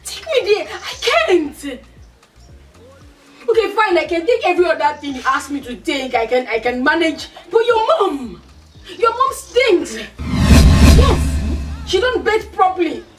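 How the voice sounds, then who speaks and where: A whiny America-returned wife. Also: female voice, very high-pitched, sing-song, measured pace, soft background music, heavily acted. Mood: complaining. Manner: whiny, dramatic, repeats herself. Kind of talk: Nollywood film acting. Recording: echoey, from a distance.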